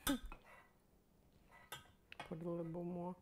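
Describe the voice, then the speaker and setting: A woman's voice: fairly low pitch, slow pace, very noisy. An older woman with a Sicilian Italian accent, a grandmother cooking in a home kitchen studio, speaking in short teasing phrases. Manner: short broken phrases, teasing, laughs often. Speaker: grandmother cook. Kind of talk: casual cooking demonstration.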